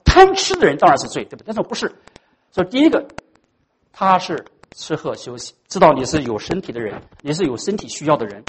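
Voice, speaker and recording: A pastor preaching a sermon in a dramatic way, swinging between hushed and loud and dropping English words into the speech. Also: mid-range voice, big pitch swings, fast, breathy edge, rough recording.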